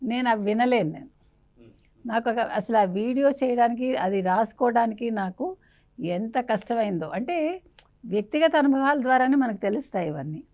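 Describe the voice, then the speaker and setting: Woman journalist ranting fired up, kinda high voice, dull lo-fi sound. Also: lively intonation, moderate pace. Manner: indignant, forceful, scolding. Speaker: interviewee, journalist. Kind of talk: heated political interview.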